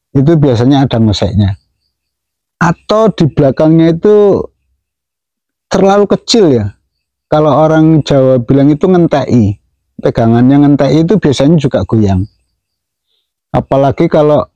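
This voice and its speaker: Man chatting, mellow voice. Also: mid-range voice, dry recording, highs cut off. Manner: imitates whooshing wing sounds, chuckles often. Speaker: pigeon keeper explaining to viewers. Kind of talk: casual explanatory talk.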